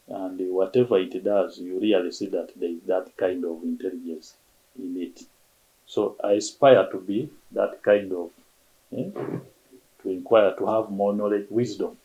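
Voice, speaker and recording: Lowish-voiced man, reflective and halting. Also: mellow, highs cut off. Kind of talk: unscripted interview talk.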